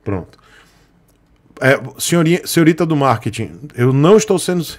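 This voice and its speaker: A man's voice: on the high side, expressive, fast talker. A man with a Brazilian Portuguese accent, ranting sarcastically and joking with his live-stream chat. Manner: sarcastic, joking, with frequent chuckles. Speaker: motorcycle vlogger on a live stream. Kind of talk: casual live-stream rant.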